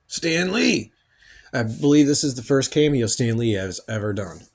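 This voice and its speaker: A man's voice: mid-range voice, brisk. A tired man hosting a podcast, rambling through a casual film commentary and yawning now and then. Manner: relaxed, rambling, thinks aloud. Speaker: podcast host.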